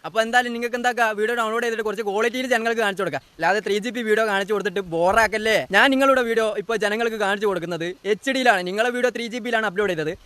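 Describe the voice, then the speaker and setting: A man's voice: sits high, fairly bright tone, smooth, dry recording. A man hosting a reaction video, delivering mocking political commentary in a sarcastic, teasing rant. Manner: sarcastic, teasing, rapid-fire ranting.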